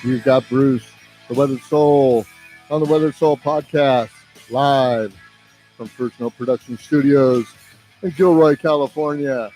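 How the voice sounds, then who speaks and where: A man's voice: mid-range voice, steady tone, a little slow, mellow, faint music behind. A man hosting a casual podcast from a recording studio, his voice overmodulated and clipping into distortion, talking in a loose, rambling way. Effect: overmodulated, clipping distorted mic. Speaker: podcast host.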